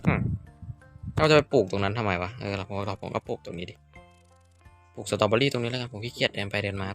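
A man's voice: fairly low pitch, fast talker. Young man, casual let's-play chat, sudden exclamations, faint background music. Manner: chatty, self-mocking, sudden exclamations. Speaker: gaming YouTuber.

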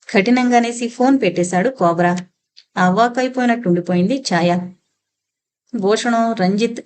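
A woman reading a suspense novel aloud as an audiobook narrator, in a steady, clear storytelling way. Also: medium pitch.

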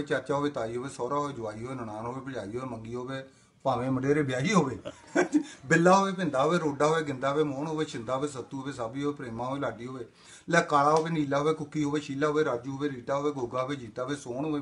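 An older man from Indian Punjab delivering rapid-fire rhyming comic patter, chanting long rhythmic lists in a sing-song. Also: medium pitch. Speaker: comic monologue performer.

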